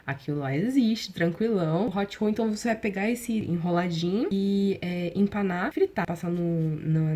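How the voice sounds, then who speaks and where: A woman with a somewhat low voice chats to her viewers in a casual vlog. She talks in an animated way, tossing in slangy asides as she explains. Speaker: vlogger.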